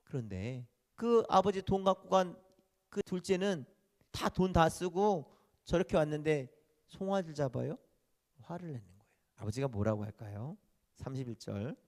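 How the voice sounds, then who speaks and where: A man's voice: fairly high pitch, expressive, normal speed, darkish tone. A male pastor preaching a sermon, telling a story and acting out the characters' voices, asking the congregation questions and answering them himself.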